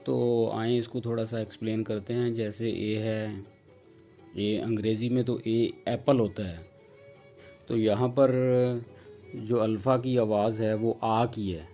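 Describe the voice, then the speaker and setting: A man leads a slide-based language lesson in a deep, very dark and mellow voice. He explains patiently, one example after another, over faint background music. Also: flat delivery. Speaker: language teacher.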